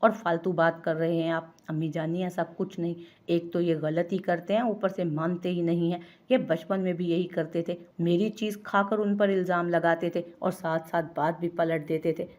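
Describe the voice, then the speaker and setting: A woman reading the part of a sensitive, pouty young woman who sulks and takes offense quickly. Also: on the low side, fairly even intonation, a little mellow, close to an everyday voice. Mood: flustered. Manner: sulky, quick to take offense.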